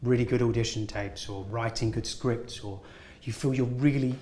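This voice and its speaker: Male guest actor, mid-pitched, earnest and encouraging, recorded in an echoey room. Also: fairly even intonation, moderate pace, darkish tone. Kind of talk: casual interview talk. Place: film studio at a school event.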